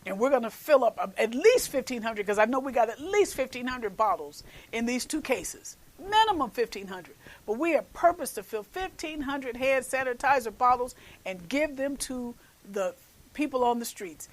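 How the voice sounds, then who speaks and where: A woman's voice: fairly high pitch, animated, moderate pace, rough recording. A woman host preaching an earnest message, repeating phrases and urging her listeners to act. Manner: calls listeners "baby". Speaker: show host and minister.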